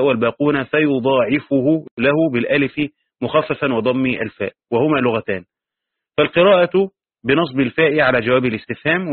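A man reading aloud and explaining a Quran commentary in measured, pausing lessons, correcting himself and adding asides. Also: medium pitch, slightly rough, no room sound, narrow, tinny audio.

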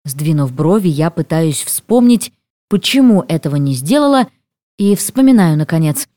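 Expressive woman narrator for a first-person comic novel, animated, dry and close. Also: low voice, moderate pace, no room sound. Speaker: audiobook narrator.

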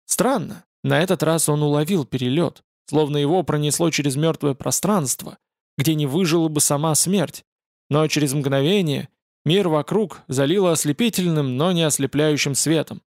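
A man narrating a science-fiction audiobook in an even, measured storytelling voice. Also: a little high, no echo, clean studio sound. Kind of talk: scripted narration.

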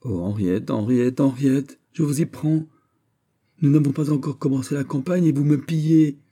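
A man's voice: fairly high pitch, flat delivery, brisk, mellow, voice pushed up, lightly acted. A man voicing a young king who banters gallantly in an audiobook reading. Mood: playful. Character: playful, lovestruck young king.

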